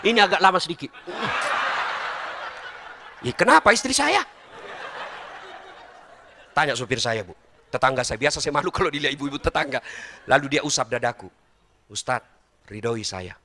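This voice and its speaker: A middle-aged male preacher gives a joking, animated sermon in a high voice. He teases the audience directly, and his pitch swings widely from line to line. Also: a little fast, pauses often, slight background noise. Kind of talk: humorous sermon.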